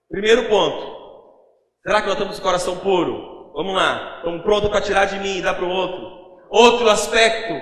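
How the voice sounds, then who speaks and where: A Brazilian pastor preaches with emphasis and keeps putting questions to the congregation. His voice sits high for a man. It is recorded in a church conference hall that rings with echo and a long reverb. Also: a bit bright. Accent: Brazilian Portuguese. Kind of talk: sermon.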